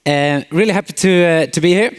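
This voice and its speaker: A Swedish company CEO with a Småland accent gives a friendly keynote in a large conference hall, sprinkling in light jokes and plenty of filler "uhs." His voice sits on the high side, fairly quick and clean, with a long reverb tail.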